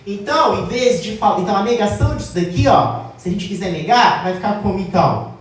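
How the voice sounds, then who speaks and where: A woman teacher explaining logic at a whiteboard, often checking in with the class and slowing down to stress key terms. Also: mid-range voice, expressive. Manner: addresses class as "gente", checks with "tá?"; slows down to stress key words. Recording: very echoey room, mic far off.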